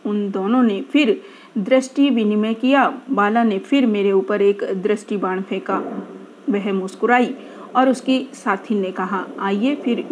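Woman reading a story aloud, measured. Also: mid-range voice, a little mellow, a little hiss or hum.

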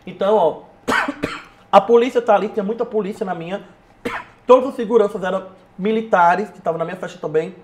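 A man tells stories at a brisk clip, voice riding high. He acts out what people said and sprinkles in fond endearments. The tone is a relaxed podcast chat. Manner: animated storyteller, acts out his own quotes; affectionate, calls people "meu amor". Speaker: podcast guest, blogger. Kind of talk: casual chat.

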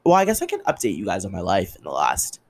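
A young man hosts his podcast alone and tells stories in a loose, animated chat. His voice sits low and a bit husky, and it leaps high whenever he makes a point. He swears freely and talks like he is gossiping with friends. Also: quick pace, poor audio. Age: young adult. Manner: animated, swearing, jumps in pitch for emphasis. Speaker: podcast host. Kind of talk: casual solo podcast chat.

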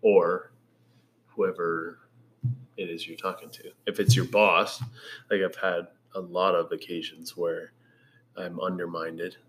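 A man with a very low, deep voice talks with his wife in a relaxed, teasing way. His humor is dry and unhurried. A faint hiss of background noise sits under the voice. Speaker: husband, podcast guest. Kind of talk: casual couple chat.

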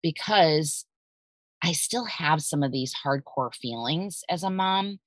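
A woman's voice: low-pitched, lively intonation, slow, dry recording, low-quality recording. A woman in her thirties hosting a podcast, telling her own story in a candid, confiding way with frank swearing. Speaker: podcast host.

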